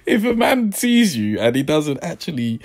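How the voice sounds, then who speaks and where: A man's voice: a little high, big pitch swings, normal speed. A man, giving teasing, incredulous casual comic commentary over music. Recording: background music.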